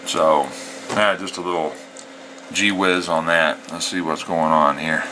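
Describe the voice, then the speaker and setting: An American CB radio hobbyist talks casually from his home radio setup indoors, with a folksy, plain-spoken manner. His voice is low and steady, a little slow, and the recording is very noisy.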